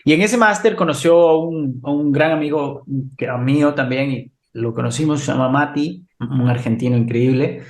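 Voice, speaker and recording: A man with an Ecuadorian accent, a podcast guest telling a lively anecdote in casual conversation, laughing often. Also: a little high, normal speed, hardly any pauses, reverberant. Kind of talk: casual storytelling interview.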